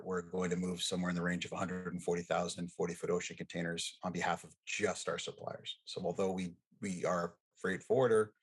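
A man's voice: low-pitched, breathy edge. A middle-aged man from the United States, a guest on a podcast, chatting casually and telling jokey stories. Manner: animated, jokey storyteller. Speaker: guest, freight forwarding executive.

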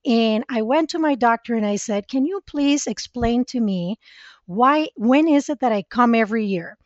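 A woman from Costa Rica, speaking as a podcast guest, tells her own story in an earnest, reflective way. Her voice sits a little high. The recording is dry and dull, with a lo-fi quality. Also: animated, normal speed, no room sound. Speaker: podcast guest, spiritual mentor. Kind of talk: conversational interview storytelling.

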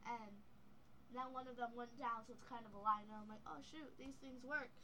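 A woman's voice: on the high side, steady tone, moderate pace, sharp tone, a little hiss or hum, poor audio. A young woman with speech slightly impeded by dental braces, rambling candidly in a casual podcast chat. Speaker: podcast co-host.

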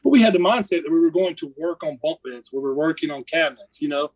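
A man from the United States with an Appalachian accent, a guest on a podcast, tells casual, rambling stories about a mission trip, correcting himself as he goes. His voice is fairly high, expressive, quick, and slightly mellow, on a low-quality recording.

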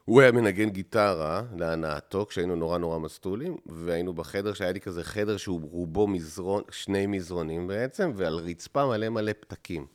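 A man's voice: deep voice, hardly any pauses. An Israeli man, a musician guest on a casual podcast, telling stories and acting out other people's lines. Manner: animated storyteller who acts out other people's lines.

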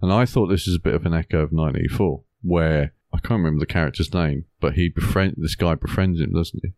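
Low-pitched male co-host, dry close sound, chatty and frank. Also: fast talker, a little mellow, no room sound. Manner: chatty, laughs often, frank. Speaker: podcast co-host. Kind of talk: casual film discussion.

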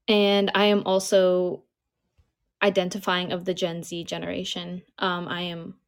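A woman's voice: fairly low pitch, monotone, measured pace, clean tone. A woman in her early twenties hosting a podcast, talking in a friendly way with frequent fillers. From United States. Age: 20s. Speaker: podcast host. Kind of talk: conversational podcast discussion.

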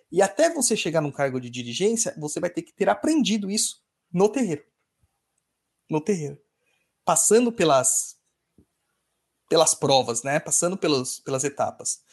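Husky high-voiced man explaining casually. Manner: teaching, repeats key phrases, addresses listener directly. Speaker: spiritual teacher and podcast host.

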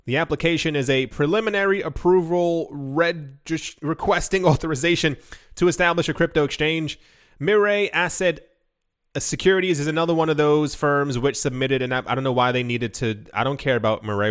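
A man's voice: a little high, a little fast, fairly bright tone, smooth. A man hosting a crypto news show, reading headlines and drifting into chatty, rambling asides full of fillers. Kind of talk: casual news commentary.

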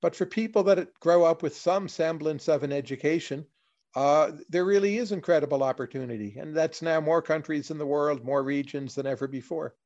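A man, a guest in an interview, explaining his views in a measured way, in plain short lists. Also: a little high, darkish tone. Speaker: economist guest. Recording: dull lo-fi audio.

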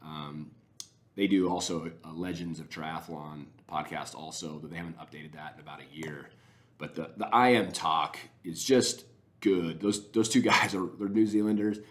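Deep-voiced man rambling with enthusiasm. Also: normal speed, a bit bright. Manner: rambling, enthusiastic, many restarts. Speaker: podcaster. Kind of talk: casual spoken recommendations.

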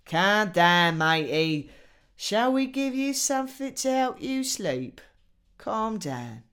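A sinister captor, played by a woman, coos in a patronizing, hushed tone that is meant to calm but unsettles. The voice sits lowish and unhurried. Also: smooth, full character voice. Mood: menacing soothing. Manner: patronizing soothing. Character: mock-soothing sinister male captor. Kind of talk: hobby audio drama.

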